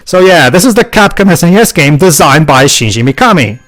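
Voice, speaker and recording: A man's voice: fairly high pitch, sing-song, brisk, a bit bright. A man hosting casual gaming commentary, often stammering and repeating his words.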